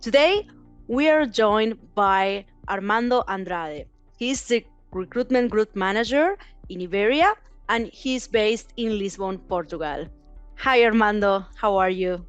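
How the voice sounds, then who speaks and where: A woman hosts a corporate podcast at a middle pitch. She reads friendly, scripted introductions and asks questions over faint background music. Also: expressive, a little slow, clear, resonant tone, dry recording. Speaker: podcast host. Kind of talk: podcast interview.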